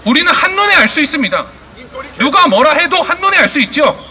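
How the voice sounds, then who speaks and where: A man's voice: very high voice, very animated, fairly quick, some chatter behind, a little hiss or hum. A man giving a fiery, indignant protest speech as the moderator of a rally, accusing and throwing out rhetorical questions. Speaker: rally speaker and press conference moderator. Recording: loud public address with long reverb.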